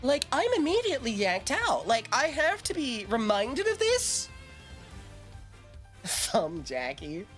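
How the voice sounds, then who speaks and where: Lady streamer ranting, lots of swearing, swoopy animated voice. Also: fairly high pitch, slow, faint music behind. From United Kingdom. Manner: rambling, profane, sarcastic. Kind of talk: casual game commentary.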